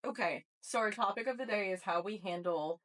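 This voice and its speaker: A woman's voice: medium pitch, brisk, fairly bright tone. A woman in her thirties co-hosting a casual podcast, laughing often and explaining at length. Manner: laughs often, talks things through in long stretches. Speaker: podcast co-host. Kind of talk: casual chat.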